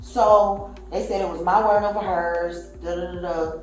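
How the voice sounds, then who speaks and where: A woman's voice: lowish voice, fairly even intonation, moderate pace. A woman telling police a long, rambling account, acting out what others said. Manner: rambling storytelling, acting out quoted speech. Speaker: witness. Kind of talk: recounting events to police. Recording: very echoey room with faint music.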